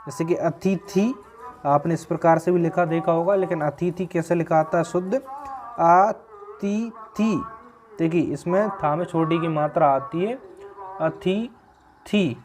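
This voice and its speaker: A man giving an exam-prep grammar lesson, explaining patiently and slowing down on key words. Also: fairly high pitch, steady tone, darkish tone. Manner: explanatory, slows to stress words. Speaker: Hindi grammar teacher.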